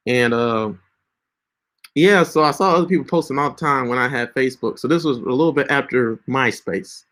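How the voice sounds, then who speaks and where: Speaking at a normal speed, a man in his late twenties offers casual, preachy social media advice, stumbling through fillers and restarts. His mid-range voice has a fairly bright tone, captured on a screen-share recording setup.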